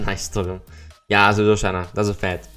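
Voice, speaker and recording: A man's voice: lowish voice, little pitch movement, moderate pace, fairly bright tone, clear, resonant tone. A man streaming a video game live, talking loosely and casually to his viewers and teammates. He greets people by name and hums little tunes between moves. Faint music plays underneath. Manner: chatty, greets viewers, hums while playing. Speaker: livestream gamer host. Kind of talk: casual live gameplay chat.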